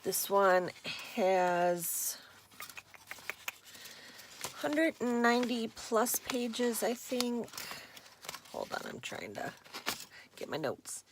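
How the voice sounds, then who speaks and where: A woman showing her handmade journals in a casual vlog, relaxed and unhurried, with a husky morning voice and some throat clearing. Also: on the high side, noisy background. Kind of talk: casual show-and-tell vlog.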